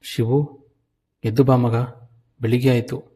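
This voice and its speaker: A man voicing a stern, protective village father who speaks firmly and in a hush. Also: medium pitch, little pitch movement, slow, breathy edge. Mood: grave. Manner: firm, hushed, commanding.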